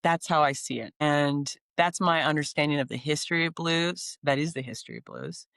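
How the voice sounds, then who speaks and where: A woman's voice: low-pitched, big pitch swings, a little fast, vocal fry, a bit bright, dry recording, clean studio sound. A woman in her forties from Canada, a singer-songwriter talking in a casual interview, upbeat and enthusiastic with frequent ums and restarts. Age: 40s.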